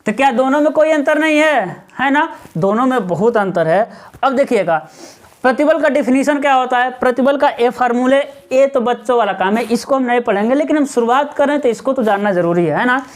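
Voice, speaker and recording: A man's voice: extremely high pitch, animated, brisk. A male teacher giving a classroom lecture, firing questions at his students and answering them himself, and tagging on short check-in questions. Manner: keeps adding a tag question.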